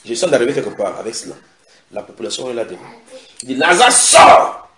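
A man preaching a sermon, retelling scripture dramatically with sudden shouted quotes and direct questions to his listeners. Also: mid-range voice, rapid-fire, a crowd in the background. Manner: asks the audience direct questions. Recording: echoey room.

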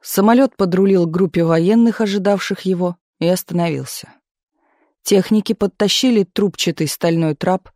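A man reading a novel aloud as an audiobook narrator, steady and expressive, on a close microphone. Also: sits high, no echo.

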